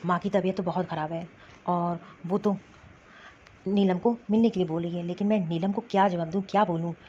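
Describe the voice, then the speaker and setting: A woman voices a troubled, dutiful husband caught between his mother and his wife in an amateur family cartoon, sounding hesitant and resigned. Her voice is fairly low, warm, fairly even and fairly quick, lightly acted, over slight background noise. The recording is muffled and lo-fi, with music behind.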